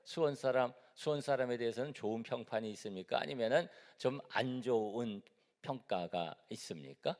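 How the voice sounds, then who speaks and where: A man's voice: medium pitch, moderate pace, darkish tone. A middle-aged man from Seoul, a pastor giving a conversational sermon in a church and asking the congregation questions. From Seoul, South Korea. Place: church sanctuary. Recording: echoey church hall.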